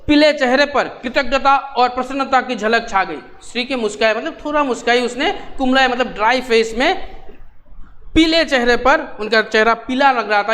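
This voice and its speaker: A man's voice: very high voice, pushed and bright. A male teacher reading a textbook story and stopping to gloss each phrase, with frequent light laughs. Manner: repeats lines and glosses words, laughs often.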